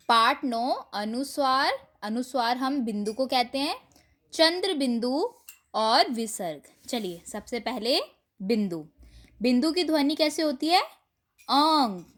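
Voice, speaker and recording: Slow high-voiced woman teacher. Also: a bit bright. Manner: slow, clear, sing-song reading aloud to children. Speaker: primary school teacher. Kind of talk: online Hindi lesson for young children.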